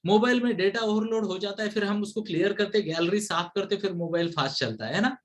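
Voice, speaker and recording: A man's voice: high voice, fairly quick. A man coaching parents on study habits over a video call, who mixes English into his Hindi and keeps asking his listeners to answer yes or no. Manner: mixes English into Hindi, asks the audience constant yes-or-no checks.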